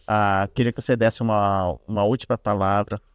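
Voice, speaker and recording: Relaxed Brazilian podcast host. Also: male voice, on the low side, moderate pace, smooth, no room sound, studio quality. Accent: Brazilian Portuguese. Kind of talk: casual interview chat.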